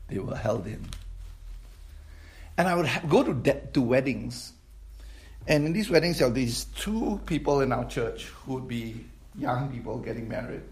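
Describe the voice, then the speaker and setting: A man's voice: medium pitch, a little mellow, slight background noise. Guy in his late 50s preaching, talks to the crowd like a chat, echoey church. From Malaysia. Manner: conversational preaching with audience questions. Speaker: pastor. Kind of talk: sermon.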